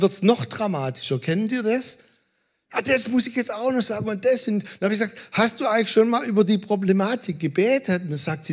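A man preaching a sermon as pastor, lively and talking straight to the congregation with questions. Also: high voice. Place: church hall.

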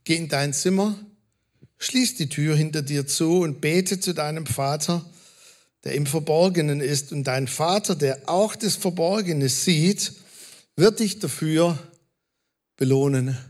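A man preaching a sermon as pastor, lively and talking straight to the congregation with questions. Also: a little high, unhurried. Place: church hall.

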